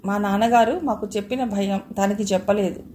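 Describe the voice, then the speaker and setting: Woman voicing a brisk caring elder sister. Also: mid-range voice, steady tone, mellow, slight background noise, close to an everyday voice. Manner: brisk, scolding yet affectionate.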